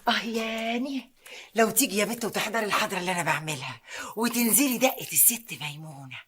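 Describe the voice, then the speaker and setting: A woman's voice: mid-range voice, quick pace, fairly bright tone, husky. An actress with an Egyptian Arabic accent playing a scheming folk-magic woman who talks in a theatrical, cajoling way in a TV drama. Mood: cajoling, sly. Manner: theatrical, cajoling, invokes spirits. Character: scheming folk-magic woman, middle-aged female fixer. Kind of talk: TV drama acting.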